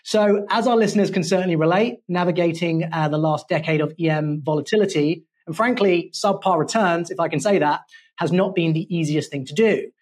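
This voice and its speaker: A man with a London English accent hosts a studio podcast, his voice sitting a little high for a man. His delivery is polished, playful and wordy. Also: a little fast. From England. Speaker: podcast host. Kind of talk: corporate podcast hosting.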